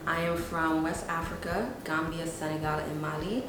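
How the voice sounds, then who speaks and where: Echoey, low-voiced young New woman. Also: fairly even intonation, moderate pace, noisy background. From New York, USA. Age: 20s. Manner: casual, chatty, frequent "like" and "you know". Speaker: young business founder. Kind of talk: documentary interview. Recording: very echoey room.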